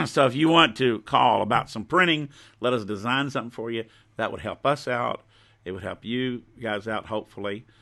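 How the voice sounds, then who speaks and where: Bright-voiced man hosting casual home shopping. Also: lowish voice, creaky. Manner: folksy, informal show-and-tell. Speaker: host of a live stream selling his own goods.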